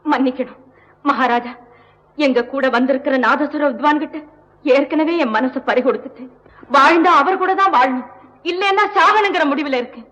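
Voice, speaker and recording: A woman's voice: sits high, moderate pace, fairly bright tone. An actress playing a proud, defiant young woman in a 1960s film, pleading and defiant. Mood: devoted.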